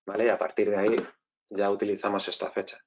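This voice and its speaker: This webinar presenter, a man with a Spanish-from-Spain accent, talks fast and flatly in a lowish voice as he explains a tech tutorial step by step and keeps checking in with viewers. The audio is lo-fi with slight background noise.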